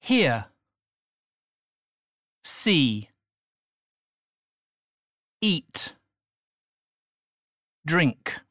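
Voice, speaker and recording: A woman reading vocabulary words one at a time, slowly and deliberately, for learners. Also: deep voice, sing-song, fairly bright tone, dry recording, studio quality. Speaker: vocabulary reader.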